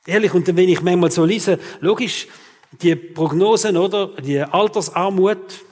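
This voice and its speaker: A man's voice: sits high, measured pace, darkish tone, big-room sound. A man, preaching a sermon as pastor and talking straight to his listeners, often tagging his sentences with "oder?". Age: 40s.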